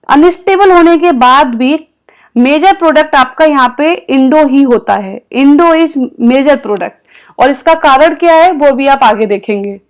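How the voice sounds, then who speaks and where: High-voiced woman teaching chemistry. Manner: explains step by step, asks and answers her own questions. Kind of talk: slide lecture.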